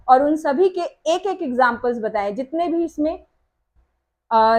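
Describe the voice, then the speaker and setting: A woman teaching a grammar lesson, asking questions and answering them herself, repeating each example word. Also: high-pitched.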